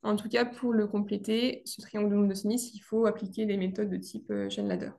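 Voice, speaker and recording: A young woman presenting her thesis, speaking in a hesitant way with many pauses and restarts. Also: mid-range voice, lively intonation, gravelly, dark tone.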